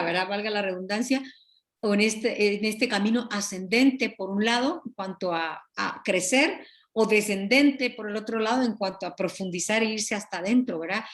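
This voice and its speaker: A woman teaching a Bible study over a video call, earnest and animated, often correcting herself mid-sentence. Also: medium pitch, moderate pace. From Guatemala.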